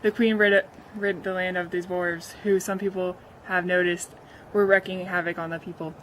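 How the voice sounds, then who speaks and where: A woman playing a grieving friend of a slain queen, a sly orator who speaks haltingly, in an amateur play. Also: on the low side, level tone, a little hiss or hum, natural voice, poor audio. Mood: mournful. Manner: halting, hesitant speech-making.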